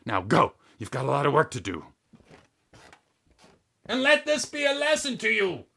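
A man acts an exasperated boss monk in a comic audio drama. The voice is high and sharp, with gravelly creak. He scolds emphatically and sarcastically. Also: wildly swooping pitch, normal speed, heavily acted. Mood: stern.

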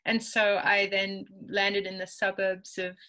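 Speaking slowly in a mid-range, pushed and bright voice with little pitch variation, a Spanish-speaking author from Peru in her forties chats in a relaxed interview. She calls in via webcam from a bookshelf-filled room at home, dropping plenty of ums and laughing readily.

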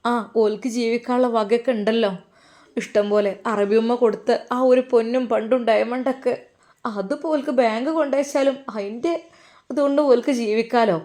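A woman voicing a grieving elderly mother who speaks softly and tearfully, with a Malabar Malayalam accent. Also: a little high, fairly even intonation, a little fast, lightly acted. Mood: resigned. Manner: soft, tearful and pleading.

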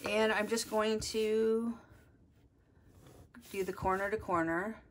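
A woman art teacher with a mid-range, fairly even voice speaks slowly through a step-by-step drawing lesson, thinking aloud as she works. She's at a desk with an overhead camera on the drawing, and there's slight background noise.

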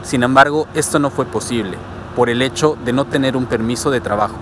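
Talking while he walks, this Mexican vlogger explains immigration steadily to a camera held at arm's length, moving along suburban streets and through a transit station outdoors. He has a mid-range voice and a fairly quick pace; music plays underneath and the background is noisy.

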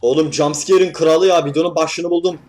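A man's voice: on the high side, fairly even intonation, a little fast, a little mellow. A young man commentating a horror game as he plays, swearing and yelping at scares, then laughing them off. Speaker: gaming YouTuber.

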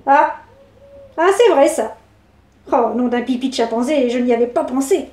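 A woman voicing a rude, vain old witch who shouts rhyming threats and insults, in a storybook reading. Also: sits high, normal speed, lightly acted. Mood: bossy. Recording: echoey room.

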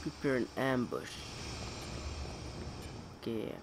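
A man's voice: medium pitch, lively intonation, slow pace, creaky. A man playing a video game and talking casually, getting frustrated and swearing a lot. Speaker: gamer. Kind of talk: casual gameplay commentary. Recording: noisy, game sound behind.

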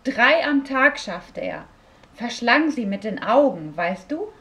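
A woman voicing a small, excitable furry creature that eats books, talking with a lisp in a read-aloud story. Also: a little high, slow, voice pushed up, full character voice. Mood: chatty. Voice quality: lisping. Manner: relishing, playful word-savoring. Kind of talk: storybook reading.

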